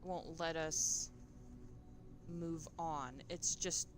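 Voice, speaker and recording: A woman's voice: low-pitched, steady tone, very slow, background noise. A woman chatting casually on a live stream in a cutesy, sweetly coaxing way.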